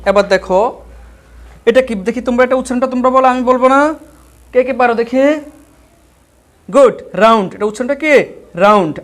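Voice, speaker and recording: A man's voice: very high-pitched, a little fast, pauses often. A male teacher giving an online vocabulary lesson, spelling each word letter by letter and then repeating questions about how it is said and what it means.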